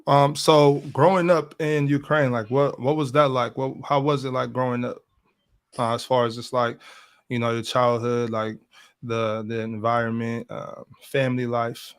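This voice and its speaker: A man's voice: mid-range voice, level tone, normal speed, smooth. Male host, casual interviewer, hesitant and rambling delivery. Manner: hesitant, lots of ums and restarts. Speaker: podcast host.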